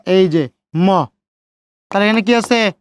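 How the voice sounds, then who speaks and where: A male teacher giving an exam-prep lecture, repeating key points slowly and asking questions that he answers himself. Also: high voice, clean tone, no echo, studio quality. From Bangladesh. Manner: asks students rhetorical questions and answers them himself.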